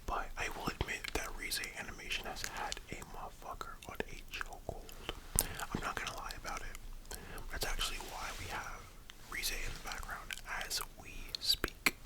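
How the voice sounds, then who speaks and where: An ASMR host speaking in a breathy library whisper, rambling casually and giving opinions. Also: moderate pace, rough recording.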